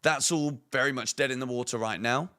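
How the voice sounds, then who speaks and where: On a fan channel, a hoarse, croaky-voiced man offers strongly opinionated transfer commentary full of forceful rhetorical questions. He talks briskly at a medium pitch, sounding pushed and bright.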